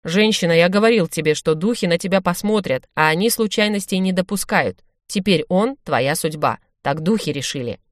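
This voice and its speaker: A grave male orc shaman, as a woman reading aloud puts him on, answers curtly and firmly in broken phrases. The voice sits fairly low, and the recording is dry and close. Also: animated, normal speed, hardly any pauses, dry recording, close to an everyday voice. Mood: stern. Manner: curt, firm, broken phrasing.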